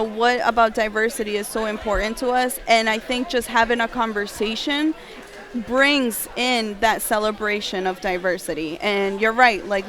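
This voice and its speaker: Over the noise of a busy crowd, a woman from Massachusetts, United States, talks casually and with enthusiasm as an interview guest. She is school guidance staff, and her voice is fairly high and a bit bright.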